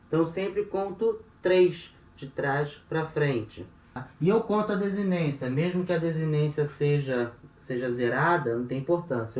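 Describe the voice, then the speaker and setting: A man's voice: fairly high pitch, echoey room, poor audio. A man teaching a language lesson, explaining step by step and often checking in with his listeners.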